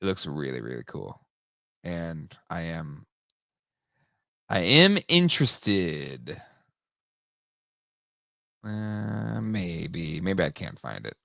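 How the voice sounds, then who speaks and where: A man's voice: deep voice, big pitch swings, drawn-out words, vocal fry, pauses often, a bit bright, dry recording, studio quality. A man hosting a casual talk show, rambling with lots of fillers and restarts. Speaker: podcast host. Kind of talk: casual chat.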